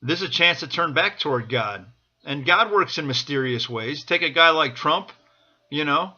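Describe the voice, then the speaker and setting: A man's voice: a little high, expressive, moderate pace, pushed and bright, lo-fi sound. A man from the United States giving an impassioned off-the-cuff pep talk as a political supporter, urging listeners on and repeating his phrases. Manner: urgent, exhorting, repeating phrases.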